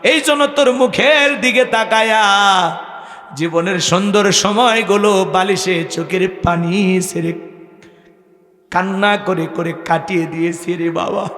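A man's voice: sits high, unhurried, fairly bright tone, soft background music. A man voicing a grieving poor old mother who speaks tearfully and pleads with her son in a sermon story. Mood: sorrowful. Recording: echoey hall, long reverb.

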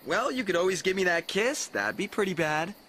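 A man's voice: sits high, animated, a little fast, pushed and bright, slight background noise. A man voicing a cocky, sarcastic teenage punk boy in a cartoon, teasing, with music behind. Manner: teasing, sardonic. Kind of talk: animated cartoon acting. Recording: cartoon soundtrack over music.

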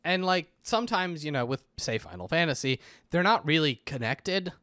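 A man's voice: on the high side, normal speed, no echo. A man co-hosting a game podcast, speaking dryly and reading listener letters aloud. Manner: dry, deadpan, reads letters aloud. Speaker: podcast co-host. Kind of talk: casual chat.

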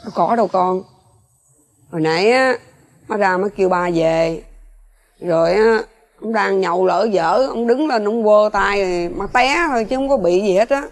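An actress with a Southern Vietnamese accent playing a long-suffering mother who speaks softly and pleads to keep the peace. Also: medium pitch, normal speed, lightly acted. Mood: gentle. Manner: soft, pleading, protective.

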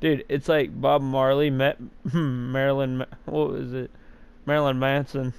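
A man playing a video game with a friend in a casual chat, excitable and quick to shout and laugh. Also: mid-range voice, creaky, clear, resonant tone, no echo. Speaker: gamer.

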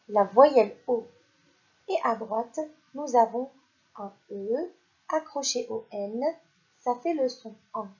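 Woman teacher for a kids' reading lesson, very slow and deliberate, mellow tone, dull lo-fi recording. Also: a little high. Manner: slow, deliberate, sounding out syllables. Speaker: primary school teacher. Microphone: voice-over for slides.

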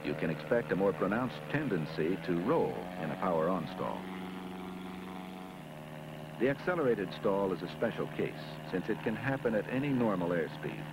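This is instructional film narration by a deep-voiced American man, delivered with emphasis and animated intonation. It comes from an aged 1970s film track, with clear noise beneath his voice.

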